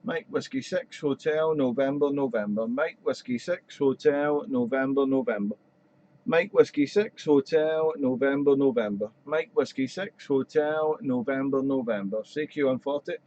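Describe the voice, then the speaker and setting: A man runs an amateur radio live stream, chatting casually and repeating call signs in typical ham radio fashion. His mid-range voice is darkish and moderately paced, and the streamed audio sounds dull and roomy.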